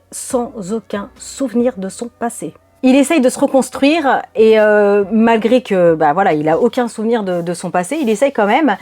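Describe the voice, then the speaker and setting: A woman's voice: a little high, a little mellow. A woman vlogger chatting through her latest manga purchases and reading the blurbs on the back aloud. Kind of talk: casual manga haul video.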